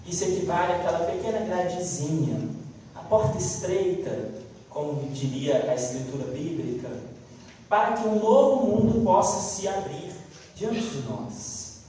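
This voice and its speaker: A man's voice: sits high, lively intonation, a little slow, mellow, a little hiss or hum. Man, spiritist lecture, emphatic storytelling, long reverb, faint room ambience. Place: lecture hall. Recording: echoey hall from far off.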